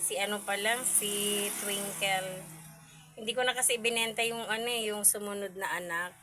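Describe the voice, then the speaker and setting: A woman's voice: medium pitch, steady tone, normal speed, over music. A woman vlogging casually at home about her cats, chatty and cooing baby talk at the kittens.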